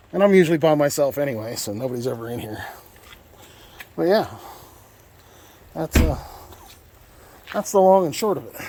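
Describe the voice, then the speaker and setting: A medium-pitched, mellow-voiced American man rambles folksily through an unscripted tour of his truck radio install, repeating himself often. He's outdoors in and around a parked truck, filmed on handheld video with clear background noise.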